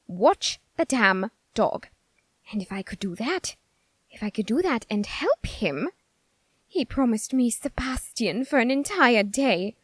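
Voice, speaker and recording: In a theatrical audio roleplay monologue, a woman plays a flamboyant, lovestruck, vain reaper, stretching her words out dramatically. Her voice sits on the high side with no echo, and she sounds scheming and eager.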